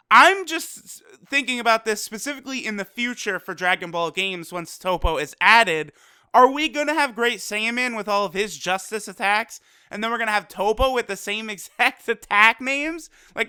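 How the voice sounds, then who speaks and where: A young man with a high, bright, crisp voice reviews an episode in loose, swearing, off-the-cuff commentary. He leans heavily on fillers like "you know" and "like." The sound is dry and close. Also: no echo. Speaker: anime reviewer.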